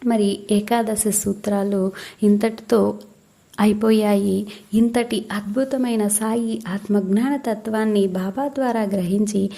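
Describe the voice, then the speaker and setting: A woman narrating a devotional audiobook in a steady, explanatory reading style, as a spiritual teacher. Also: mid-range voice, a little slow, vocal fry.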